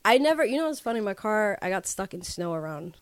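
A woman's voice: mid-range voice, quick pace, clean tone, no room sound. A woman, co-hosting a podcast and telling stories in casual chat, acting out the dialogue. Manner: animated storytelling, acts out quoted dialogue. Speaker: podcast co-host.

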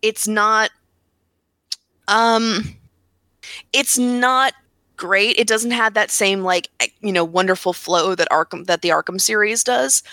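A woman chatting casually about video games on a podcast, talking fast with lots of "like" fillers and restarts. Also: mid-range voice, sharp tone, no room sound. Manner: rapid, full of "like" fillers and restarts. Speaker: podcast panelist.

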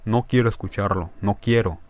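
A man's voice: lowish voice, moderate pace, no room sound, lightly acted. A man reading the part of a grieving country doctor who speaks with harsh, emphatic scorn. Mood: bitter anger.

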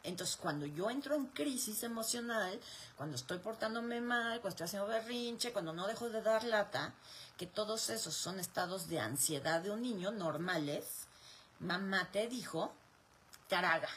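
A woman's voice: mid-range voice, lively intonation, moderate pace, a little hiss or hum. A woman with a Mexican accent answers viewer questions in a live chat, explaining step by step and posing rhetorical questions she then answers. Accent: Mexican Spanish.

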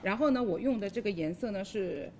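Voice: medium pitch, a little fast, darkish tone, a little hiss or hum. A makeup demonstrator giving a casual live tutorial, starting sentences hesitantly and deferring to the host.

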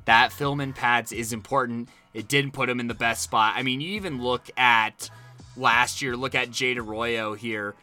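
A man's voice: medium pitch, fairly even intonation, normal speed, pushed and bright, soft background music. An American man giving casual sports analysis as a co-host, talking discursively and piling up points.

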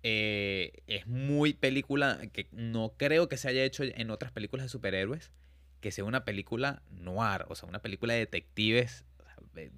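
A man with a Venezuelan Spanish accent, co-hosting a casual film-review podcast in a relaxed, teasing way. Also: medium pitch, normal speed, no echo, clean studio sound. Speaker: podcast co-host.

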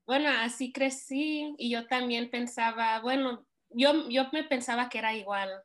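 A woman's voice: fairly high pitch, moderate pace. A young woman from California with a Mexican Spanish accent, telling her story in a casual interview with many fillers. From California, United States. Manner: relaxed storytelling with frequent fillers and laughs.

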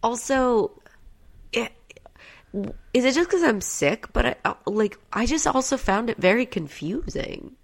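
A woman co-hosting a podcast in casual chat, chiming in with quick agreement and blunt reactions. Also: on the high side, lively intonation, gravelly. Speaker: podcast co-host.

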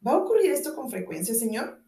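A woman's voice: fairly high pitch, very animated, fast talker, dark tone, distant mic. A woman reading the lines of a drowsy young female employee who is politely teasing her boss, in an audiobook with a roomy echo. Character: sleepy young woman employee, dry and cheeky.

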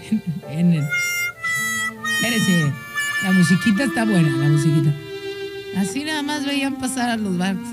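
A woman with a Mexican accent hosts a show. She tells history in a casual, playful, teasing way. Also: a little high. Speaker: host.

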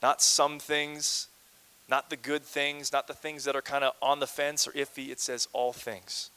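A male pastor from Canada preaching a lively, conversational sermon with playful asides and calls to the congregation. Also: medium pitch, a little slow, clear, resonant tone, rough recording.

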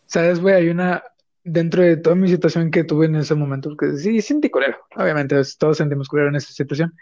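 A young man with a Mexican accent talks loosely on a podcast, piling on slang and filler words as he rambles. His voice sits a little high. The recording is dry and somewhat muffled. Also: fast talker, darkish tone, no echo. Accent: Mexican Spanish. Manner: slangy, rambling, fills with "güey" and "o sea". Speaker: podcast co-host. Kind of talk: casual podcast chat. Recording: dry, dull lo-fi sound.

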